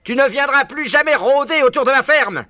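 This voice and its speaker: A man's voice: extremely high pitch, brisk, music in the background, voice pushed up. A man voicing a fat, furious farmer who screams orders in a storybook reading. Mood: frenzied, shouting. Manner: frantic yelling.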